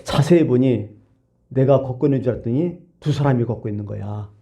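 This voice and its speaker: A man's voice: medium pitch, fairly quick, mellow. A male pastor preaching a sermon, telling a parable and asking rhetorical questions.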